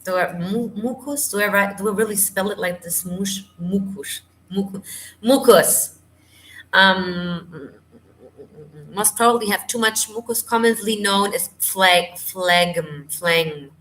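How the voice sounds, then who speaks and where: A woman's voice: medium pitch, unhurried, pushed and bright, a little hiss or hum. A woman vocal coach, tired, chatting through a live Q&A and hunting for English words. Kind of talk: live stream Q&A. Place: home.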